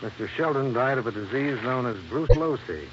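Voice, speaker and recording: A man plays a tough, wry American insurance investigator in a 1950s radio detective drama, sounding dry, resolute, confident and matter-of-fact. His mid-range voice is fairly quick and close to everyday speech, heard through a lo-fi, noisy, band-limited old radio recording.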